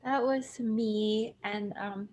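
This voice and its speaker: A woman's voice: medium pitch, fairly even intonation, slow, a little mellow. A woman speaking hesitantly in a casual work meeting through her laptop's built-in microphone and speaker. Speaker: software team member in a meeting. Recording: noisy laptop speakerphone audio.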